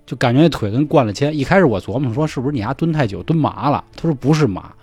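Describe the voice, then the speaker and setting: A man tells a ghost story at a quick clip, slipping into hushed, half-whispered voices for the characters. The sound is dry and close, with faint music in the background. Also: medium pitch, animated, breathy edge, dry recording. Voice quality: colloquial, acts out dialogue in hushed voices. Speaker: podcast storyteller. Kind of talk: casual ghost story telling.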